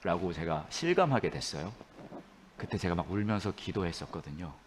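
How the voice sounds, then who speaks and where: A young man preaching a sermon as pastor, animated and acting out prayers with shouts and laughter. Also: low voice, brisk, a little hiss or hum.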